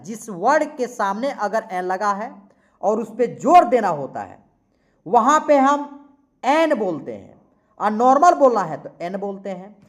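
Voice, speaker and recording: A man teaching English grammar in a classroom lesson. He talks slowly and repeats himself, spells words out letter by letter, and asks questions that he then answers himself. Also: very high-pitched.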